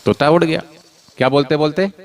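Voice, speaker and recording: Guy telling a religious story to kids, keeps asking them to answer back, energetic. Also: on the high side, brisk, background noise. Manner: animated, call-and-response prompts. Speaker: spiritual storyteller. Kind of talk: devotional storytelling to children.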